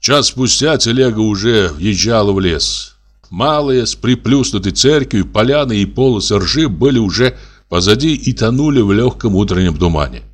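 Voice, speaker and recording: A man narrating a classic story as an audiobook, in an expressive, measured reading. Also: lowish voice.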